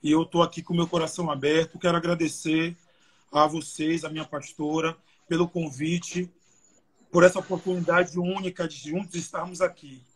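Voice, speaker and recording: A man's voice: fairly high pitch, flat delivery, moderate pace, slightly rough. A man with a Brazilian Portuguese accent preaching a sermon at a youth church service, emotional and conversational, with many fillers. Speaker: evangelist preacher. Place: church service streamed live.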